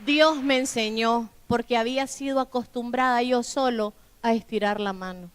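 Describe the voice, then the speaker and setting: A woman pastor tells her testimony from the pulpit, acting out the voices of her family. Her voice sits high and sounds clear and smooth. She is middle-aged and speaks in a lively storytelling manner. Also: normal speed. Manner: storytelling with acted-out dialogue. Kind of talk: sermon testimony.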